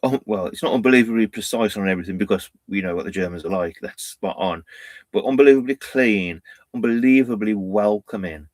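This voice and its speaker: With a lowish, slightly mellow voice and a quick pace, a van life channel co-host rambles through viewer questions on a casual livestream, recorded with no room sound. He's chatty, laughs often and drops words like "bloody" and "innit."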